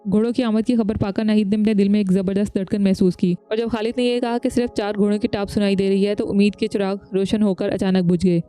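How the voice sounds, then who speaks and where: Brisk woman narrator, mellow and smooth. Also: mid-range voice. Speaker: audiobook narrator. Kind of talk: reading a historical novel aloud.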